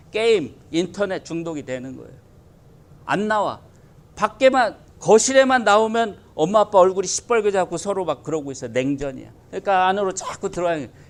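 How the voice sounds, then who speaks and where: High-voiced pastor, emphatic sermon. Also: male voice. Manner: emphatic, full of rhetorical questions to the congregation.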